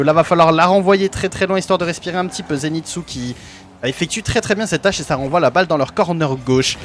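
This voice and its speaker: A man's voice: a little high, a bit bright, slight background noise. A man giving amateur play-by-play commentary on an esports match for his own team, hesitant, with many fillers and self-corrections.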